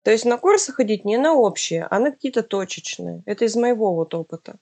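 A woman's voice: medium pitch, expressive, a little fast, vocal fry, dark tone. A woman talks casually in an interview, explaining things in an informal way.

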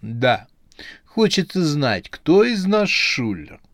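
A man's voice: on the high side, big pitch swings, slow pace, a bit bright, no room sound, studio quality, pitched above the performer's own voice, heavily acted. A man voicing a prim old witch granny who talks through her nose. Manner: prim, nasal.

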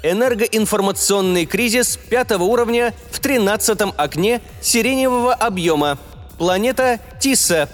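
A man's voice: sits high, moderate pace, pitched above the performer's own voice, natural voice. A man voicing a spaceship computer in an audiobook, coldly official and clipped, as in a mission announcement. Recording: long reverb, music behind.

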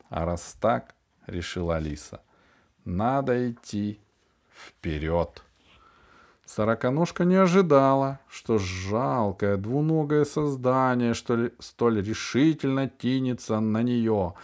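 A man reading a novel aloud as an audiobook narrator, telling it dramatically, slowing down and dropping his voice on the tense moments. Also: creaky, darkish tone. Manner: dramatic storytelling, slowing and dropping low on suspenseful phrases. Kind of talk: scripted narration of a children's sci-fi novel.

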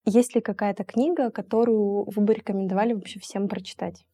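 A woman's voice: medium pitch, steady tone, fairly quick, warm tone, breathy edge. A woman hosting an interview, asking earnest, reflective questions. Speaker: podcast host.

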